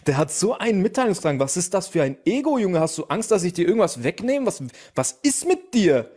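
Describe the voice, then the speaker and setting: A man streaming from his desk, trading sarcastic, mock-formal jabs with strangers in casual banter. His voice sits a little high and bounces all over the place as he teases. He is heard through his headset mic. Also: very animated, brisk, darkish tone. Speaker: streamer in a video chat. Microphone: headphones with headset or desk mic.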